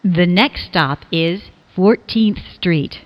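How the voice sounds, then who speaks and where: A woman announces train stops from a script in clipped, pieced-together phrases. Her pace is very slow and her pitch a little low. The sound is dull and lo-fi. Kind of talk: scripted automated transit announcement.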